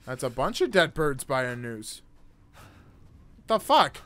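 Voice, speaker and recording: Live horror game commentary comes from a twentysomething man speaking near a desktop microphone in an indoor gaming room. Nervous and joking, with casual profanity as scares hit, he talks at a moderate pace in a mid-range, very animated, slightly bright voice.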